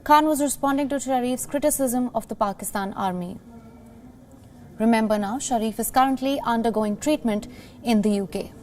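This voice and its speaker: Woman, news anchor, scripted delivery, fairly high pitch, faint background noise. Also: normal speed, a little mellow. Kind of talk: scripted news reading and interviewing.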